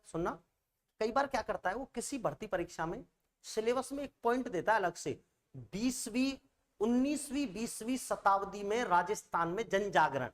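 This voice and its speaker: Guy teaching an exam prep class, chatty, keeps asking the students stuff. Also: sits high. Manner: chatty, asks students rhetorical questions, keeps checking in. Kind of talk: online exam-prep coaching lecture.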